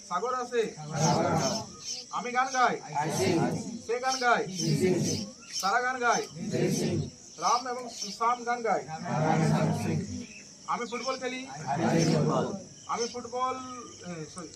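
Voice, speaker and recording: A man's voice: extremely high pitch, far from the mic. A male English teacher giving a classroom grammar lesson, drilling students with repeated check questions and mixing English examples into casual speech. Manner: casual familiar address to students. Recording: loud background noise with insects.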